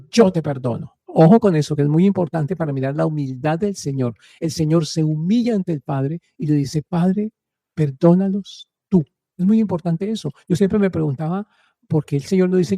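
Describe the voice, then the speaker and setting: Deep-toned man preaching warmly. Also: no room sound. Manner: earnest storytelling with a preaching tone; asks listeners rhetorical questions. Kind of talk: radio talk on faith and marriage.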